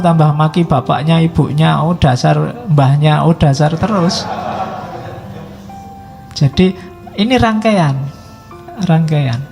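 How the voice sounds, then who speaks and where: Brief: male lecturer, fairly high voice with a dark tone, conversational, acts out quarrels in quoted voices. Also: in a large hall. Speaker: philosophy lecturer. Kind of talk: casual lecture at a mosque study session. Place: mosque hall.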